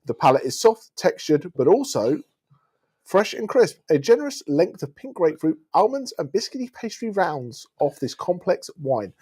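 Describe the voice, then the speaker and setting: A man with a slightly higher-pitched voice presents a wine. He reads sommelier tasting notes aloud, describing it in a measured, deliberate way. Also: big pitch swings, a little mellow, husky.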